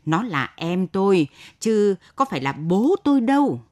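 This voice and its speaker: A woman's voice: mid-range voice, big pitch swings, unhurried, a little mellow. A woman doing a blunt, proud older village man. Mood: commanding. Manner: blunt, commanding.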